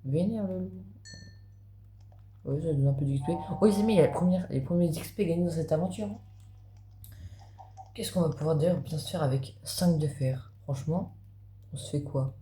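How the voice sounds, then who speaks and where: A man's voice: on the high side, brisk, dark tone. Chatty man with a roomy echo. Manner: chatty, talks straight to viewers. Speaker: gaming video creator. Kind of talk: casual gameplay commentary. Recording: roomy echo, faint background noise.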